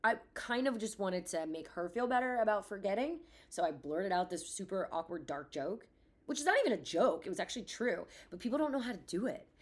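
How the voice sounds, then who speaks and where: A woman's voice: mid-range voice, lively intonation, a little fast. A woman in her thirties hosting a podcast, telling personal stories in a frank, blunt way with casual swearing. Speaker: podcast host. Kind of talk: candid personal storytelling.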